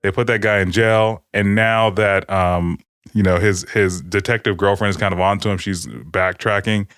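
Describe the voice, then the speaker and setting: Podcast co-host, male, lower register, loose and profane storytelling, dry booth. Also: steady tone, normal speed, a bit bright, clean tone, dry recording. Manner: profane, rambling TV recap. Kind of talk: casual podcast chat.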